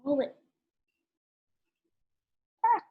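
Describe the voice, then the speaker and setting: A woman reading a picture book aloud, stopping for gentle asides and questions to her listener. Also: extremely slow, narrow, tinny audio. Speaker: storyteller.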